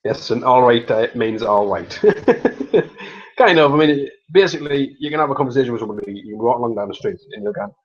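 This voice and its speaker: A man's voice: medium pitch, lively intonation, a little fast, husky, lo-fi sound. Rambling Mackem man on a live stream. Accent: Mackem (Sunderland). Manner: rambling, self-amused, many fillers and restarts. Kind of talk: casual live-stream chat.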